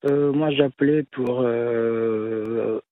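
Slow, halting man on an answering machine. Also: mid-range voice, steady tone, dry recording. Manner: halting, many hesitations. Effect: answering machine message over a phone line. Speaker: caller leaving a voicemail. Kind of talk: recorded voicemail. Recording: tinny dry phone line.

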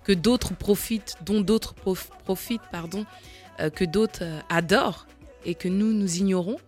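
A woman's voice: mid-range voice, a little slow, a little mellow, faint music behind. Earnest woman promoting her festival. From France. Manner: earnest and promotional, lists names and plans. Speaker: festival organizer. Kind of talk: radio interview guest.

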